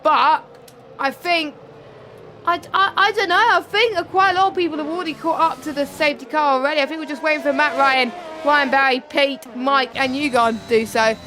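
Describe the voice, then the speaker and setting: High, bright young female co-commentator. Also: steady tone, brisk. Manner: analytical, talkative, self-correcting. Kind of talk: sim racing commentary.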